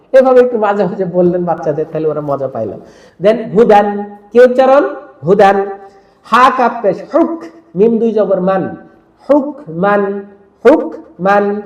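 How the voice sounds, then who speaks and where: A man's voice: high voice, a little mellow, echoey room. A man teaching Quran reading, drilling pronunciation and quizzing with repeated questions for other teachers to use with children.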